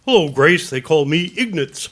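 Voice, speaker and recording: A man's voice: fairly high pitch, animated, normal speed, fairly bright tone. A man voicing a laid-back, scaly old male monster that breathes fire, with an offhand, easygoing way of talking, in an audio drama.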